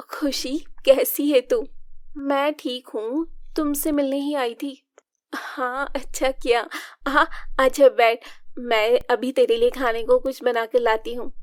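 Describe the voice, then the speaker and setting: Female storyteller, high-ish, dry studio voice, expressive reading. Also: a little slow, no echo. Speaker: narrator voicing all women. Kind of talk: storybook narration with character voices.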